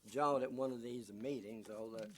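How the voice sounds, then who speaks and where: A man, a local landowner, asking questions during public comment at a county meeting, talking in a halting, folksy way. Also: mid-range voice, a little hiss or hum. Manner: halting, folksy, with many fillers. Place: county meeting room, at a podium mic.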